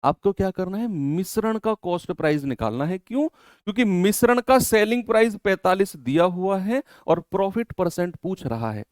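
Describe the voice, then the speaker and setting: A male maths teacher who speaks, leading an online class and quizzing his students as he works through sums. His voice sits fairly high and sounds smooth and resonant. It is recorded close to the mic in a dry space with no room sound. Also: moderate pace, dry recording. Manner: lively teacher, asks the class questions and answers them himself; drops to low, quiet complaining when scolding students.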